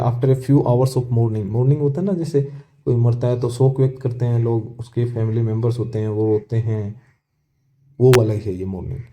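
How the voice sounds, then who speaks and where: A man's voice: mid-range voice, warm tone. A male teacher explaining an English story line by line, asking questions and answering them himself and repeating key words. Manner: reads English text lines slowly and deliberately.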